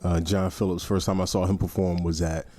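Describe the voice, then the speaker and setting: A man's voice: sits low, level tone, brisk, mellow, soft background music. A man hosting a podcast, laid-back and conversational, keeping the talk moving with short responses. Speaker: podcast host. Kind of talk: casual podcast chat.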